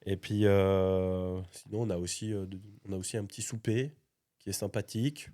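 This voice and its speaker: A man's voice: low-pitched, steady tone, normal speed, mellow. A man from Valais hosting a casual, teasing chat about a game library and laughing often. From Valais, Switzerland. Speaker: host.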